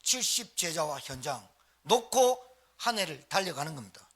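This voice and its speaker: This male pastor's voice sits on the high side, with a sing-song lilt, a moderate pace, and a slightly bright quality. He is preaching a live sermon in a church sanctuary, urging the congregation on through short repeated phrases and calls for response.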